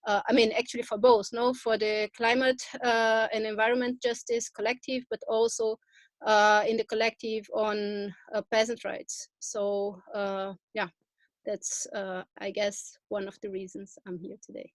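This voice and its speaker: A woman from Brazil introducing herself on an online panel, halting and searching for words. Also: medium pitch, little pitch movement, dry recording. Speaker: panelist, beekeeper. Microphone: video call.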